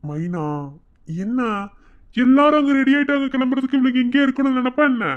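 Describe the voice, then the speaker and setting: A woman's voice: high voice, expressive, fairly quick, phone-quality sound, noisy background. A woman voicing an awkward, well-meaning young village man in a cartoon, asking fumbling, hesitant questions. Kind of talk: cartoon voice acting.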